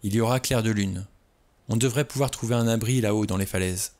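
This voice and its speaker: A man's voice: fairly low pitch, brisk, darkish tone, lightly acted. A man voicing a cool, blunt adventurer in an audiobook reading, level and laconic. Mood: calm.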